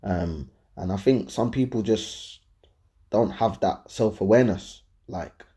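A man's voice: on the low side, a little slow, dark tone. London man giving casual, slangy advice. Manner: slangy, conversational, checks in with listeners often. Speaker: host giving dating and lifestyle advice. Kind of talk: casual opinionated chat to viewers.

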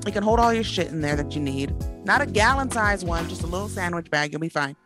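A lower-pitched woman chatting casually as a podcast co-host. She's blunt and swears often, with laughs breaking through, and music plays clearly under her voice. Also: animated, quick pace. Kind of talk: casual chat.

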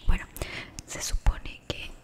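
A woman whispering ASMR talk straight to the listener, soft and affectionate, repeating words slowly. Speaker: ASMR creator. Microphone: close sensitive microphone.

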